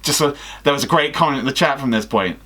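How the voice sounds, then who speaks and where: As a guest reader on a livestream, a young adult man reads fan fiction aloud expressively, adding dramatic emphasis, casual asides, and the odd self-correction. He talks fast in a medium-pitched, slightly bright voice. He's in a small home room with a sloped ceiling.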